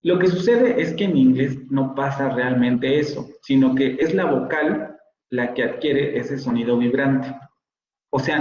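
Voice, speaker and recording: A man's voice: medium pitch, darkish tone, roomy sound, highs cut off. A man, a university professor giving an online phonetics lecture and patiently repeating words to model their sounds.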